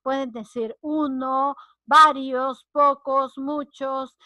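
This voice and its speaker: A woman's voice: high-pitched, little pitch movement, extremely slow, sharp tone, no echo, dull audio. A woman teacher, explaining grammar and acting out short example lines. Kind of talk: online grammar lesson.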